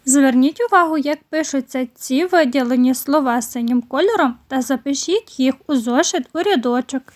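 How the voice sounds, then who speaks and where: A woman primary school teacher giving a recorded lesson to young children, slowly and patiently explaining each word. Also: high voice.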